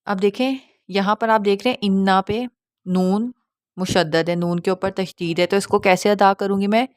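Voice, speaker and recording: A woman's voice: mid-range voice, steady tone, dry recording, studio quality. Patient woman teaching nasal recitation. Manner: patient, explains step by step, often asks "theek hai?"; demonstrates nasal sounds slowly. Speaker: Quran tajweed teacher. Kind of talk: online lesson.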